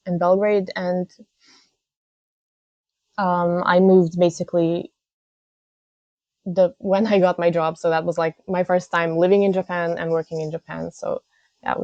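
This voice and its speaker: A young woman from Serbia answers interview questions in a low, warm, relaxed voice. She pauses often and restarts her sentences. The sound is dull and lo-fi, recorded close and dry. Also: gravelly, dry recording. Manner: hesitant, many fillers and restarts. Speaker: guest, games news editor. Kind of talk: casual interview chat.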